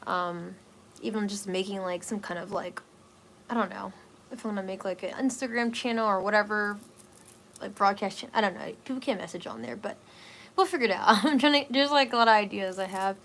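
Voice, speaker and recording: Soft-spoken woman rambling to her stream. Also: medium pitch, a little fast, slight background noise. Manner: rambling and hesitant, many fillers. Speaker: wellness live stream host. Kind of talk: casual live stream chat with viewers.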